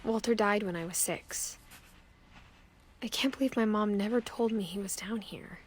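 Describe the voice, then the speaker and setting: An actress narrating as a young woman uncovering her family's secrets, speaking in a quiet, reflective way. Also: medium pitch, moderate pace, slight background noise, natural voice. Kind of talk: game narration.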